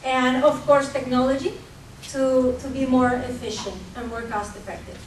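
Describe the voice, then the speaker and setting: A woman from gives an earnest, measured conference talk, pausing now and then with hesitations. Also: high voice, fairly even intonation. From Costa Rica. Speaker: conference presenter for a microfinance group. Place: conference hall. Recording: echoey hall, distant mic, faint hum.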